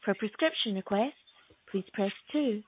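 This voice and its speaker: A woman reading a recorded phone menu announcement in a calm, measured, formal way. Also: medium pitch, slightly rough, no echo. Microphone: phone line playback. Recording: tinny phone line.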